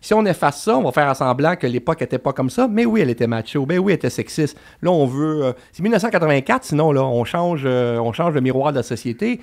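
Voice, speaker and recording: Québécois male guest, quick and emphatic, lively delivery, casual swearing. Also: on the high side. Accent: Québécois French. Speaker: guest novelist. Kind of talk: casual podcast chat.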